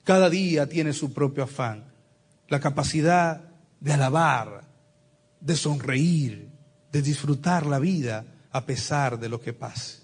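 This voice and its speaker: A man preaching a sermon, telling lively, humorous stories with acted-out quotes. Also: a little high, takes it slowly, breathy edge.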